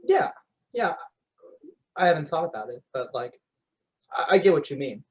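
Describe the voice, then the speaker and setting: A man's voice: on the high side, very animated, moderate pace, low-quality recording. A man hosting a podcast in a casual, laid-back chat, saying "yeah, man". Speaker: podcast host.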